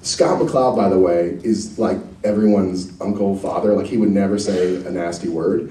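A man telling a comic anecdote on a convention panel, animated and laughing, swearing freely and acting out the people in the story. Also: deep voice, normal speed. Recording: distant, echoey, noisy room.

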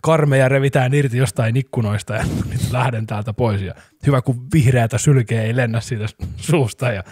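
A man in his thirties, co-hosting a podcast, telling stories in a lively way and laughing often. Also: medium pitch, few pauses, slightly rough, no echo, clean studio sound. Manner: animated storyteller, laughs often. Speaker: podcast co-host. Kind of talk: casual chat.

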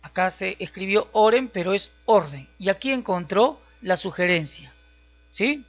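A teacher narrates a screen-recorded software lesson at a mid-range pitch. The delivery is patient and goes one step at a time, with frequent check-ins. The audio is a bit dull and lo-fi. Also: animated, measured pace, soft background music. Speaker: computer skills instructor. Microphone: voice-over on a screen recording.

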